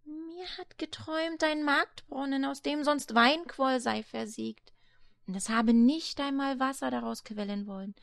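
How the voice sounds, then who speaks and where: A woman voicing a kindly old grandmother in a read-aloud fairy tale, speaking slowly and softly, sometimes in a whisper. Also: sits high, creaky, pitched above the performer's own voice, full character voice. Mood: soothing. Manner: hushed, slow and soothing, at times whispered. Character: soft-spoken old grandmother, kindly and soothing.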